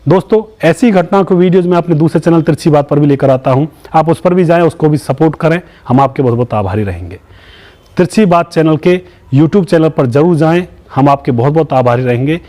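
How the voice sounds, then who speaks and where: Male channel host, somewhat high voice, narrates a true crime case straight to the audience, keeps calling them friends and moralizes. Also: a little fast, dark tone. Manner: keeps addressing viewers as friends; moralizing, asks viewers for opinions. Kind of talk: retelling a true crime story to viewers.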